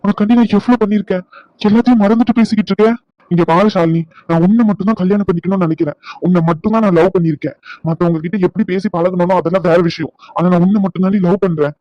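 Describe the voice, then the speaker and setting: A man's voice: high voice, quick pace, no echo, lo-fi sound, lightly acted. A man voicing a young husband in a cartoon drama, coaxing and pleading with his wife.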